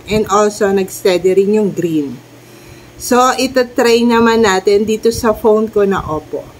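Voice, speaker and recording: A middle-aged Filipino-accented vlogger, nasal from a cold, chats through a home demo of a wireless clip-on mic and phone as she walks from room to room. Her medium-pitched voice carries a faint hiss or hum as she talks viewers through each step.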